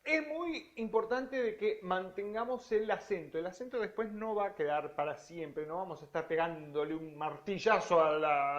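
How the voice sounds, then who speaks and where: A man's voice: high-pitched, dull audio. A man with a Rioplatense Spanish accent teaching a beginner piano lesson, explaining rhythms and counting beats aloud, sometimes stretching out words for emphasis. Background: piano playing.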